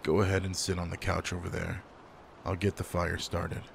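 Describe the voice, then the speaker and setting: A man plays a gruff alpha werewolf in a roleplay audio drama, speaking low and close with a gravelly, slow, commanding voice that has a guarded, caring, teasing side. His delivery is completely flat yet brisk and caring, with faint rain behind him and a little hiss or hum.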